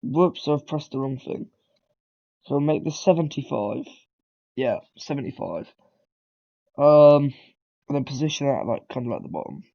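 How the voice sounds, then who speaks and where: A man with a cold walks through a beginner coding tutorial in a casual, rambling way, correcting himself often amid plenty of ums and throat clearing. His medium-pitched voice is expressive and warm, moving at a normal speed with frequent pauses. The recording has its highs cut off.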